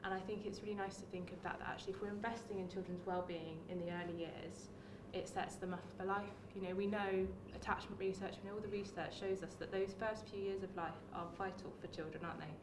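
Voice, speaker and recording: A woman's voice: mid-range voice, fairly even intonation, quick pace, few pauses, echoey room, recorded from a distance, noisy background. A woman, a music therapist and former teacher, giving a friendly workshop talk with frequent "um"s. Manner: friendly, many "um"s, speaks to the room. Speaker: early years music practitioner and music therapist. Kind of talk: workshop presentation. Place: workshop room.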